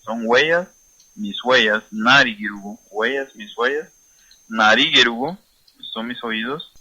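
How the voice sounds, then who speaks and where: A man teaching a vocabulary lesson, saying each word slowly and repeating it for pronunciation drill. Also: mid-range voice, bright, forceful tone, a little hiss or hum, poor audio. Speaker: language teacher.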